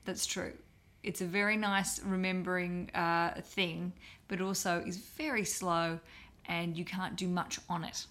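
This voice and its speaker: A woman's voice: lowish voice, fairly even intonation, measured pace, fairly bright tone. A woman in her thirties co-hosting a podcast in casual chat; she laughs easily and swears casually. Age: 30s. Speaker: podcast co-host.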